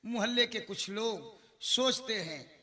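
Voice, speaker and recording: A man with a Bhojpuri accent performing a Birha folk ballad, switching between spoken storytelling and drawn-out sung lines and calling out to his listeners. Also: high voice, animated, sharp tone. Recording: echoey studio mix with instrumental music behind. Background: folk instrumental accompaniment.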